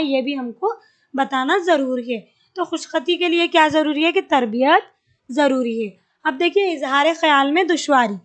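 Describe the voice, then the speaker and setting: A woman's voice: high voice, fairly bright tone. A woman teaching an exam-prep lesson, explaining step by step, repeating key terms and mixing in English words.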